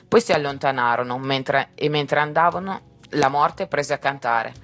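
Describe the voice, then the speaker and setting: A man reading a story aloud in a measured, unhurried way. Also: medium pitch, a bit bright.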